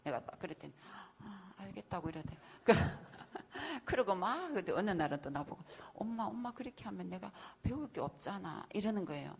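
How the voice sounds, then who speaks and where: Lively husky-voiced middle-aged woman testifying. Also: mid-range voice, normal speed, few pauses. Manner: animated storytelling, acting out her own past prayers and talks, laughing often. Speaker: church deaconess giving a testimony lecture. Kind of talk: testimony talk at an evangelism school.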